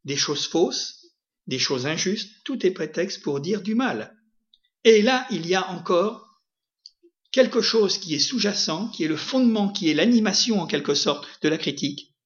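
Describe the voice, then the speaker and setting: A man's voice: sits high, lively intonation, unhurried, dull audio. A man preaching a sermon in a conversational way, often asking his listeners questions. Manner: conversational, asks the audience questions, frequent "hein".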